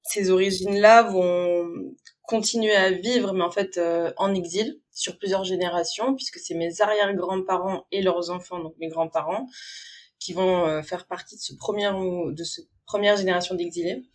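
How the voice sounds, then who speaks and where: A woman from Syria, a guest on an interview podcast, who speaks reflectively and pauses often with fillers. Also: on the low side, steady tone, a little hiss or hum. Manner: reflective, with frequent hesitations and fillers. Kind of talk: conversational interview.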